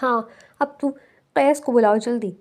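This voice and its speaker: A woman's voice: on the high side, a little mellow, close to an everyday voice. A woman reading the lines of a playful, scheming young woman in an audiobook novel. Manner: quick, playful.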